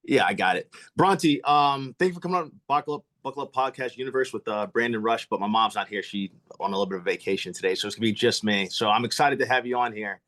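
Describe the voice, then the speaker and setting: An American man hosts a podcast chat, his words tumbling out at a quick clip. He is eager and keeps stumbling and restarting mid-sentence. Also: mid-range voice, a bit bright. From United States. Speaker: podcast host. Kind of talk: casual podcast interview.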